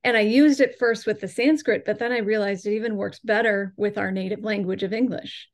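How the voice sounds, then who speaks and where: A woman yoga and chakra teacher being interviewed, with a mid-pitched voice. She explains in a measured, instructive way. She slows down to stretch out and demonstrate the vowel sounds she talks about. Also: steady tone.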